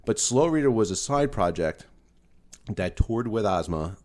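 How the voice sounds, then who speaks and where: 30s guy, real low deep voice, excited telling stories on a podcast. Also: unhurried. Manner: enthusiastic storyteller. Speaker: podcast co-host. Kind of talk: casual chat.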